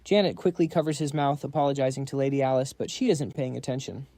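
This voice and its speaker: A man's voice: medium pitch, fast, dark tone, no echo, clean studio sound. A man narrating a scripted story recap, dropping quips to the audience.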